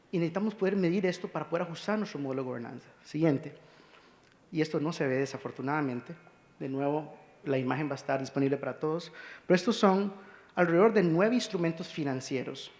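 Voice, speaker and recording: A man from Costa Rica with a slightly high, gravelly voice gives an earnest conference presentation. He speaks urgently and calls for the next slide. The conference hall leaves a long reverb.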